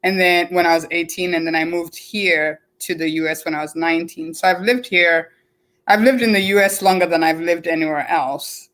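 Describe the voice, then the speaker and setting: A woman's voice: on the low side, normal speed, fairly bright tone. A woman in her forties from Zimbabwe, with a mixed Zimbabwean, English and American accent, telling her story as an interview guest. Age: 40s. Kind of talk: casual interview chat.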